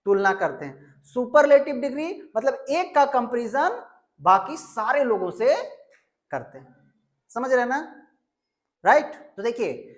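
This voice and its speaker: A woman teaching an English grammar lesson, asking questions and answering them herself, and stretching out example words. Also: a little high. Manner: drills with repeated questions and answers.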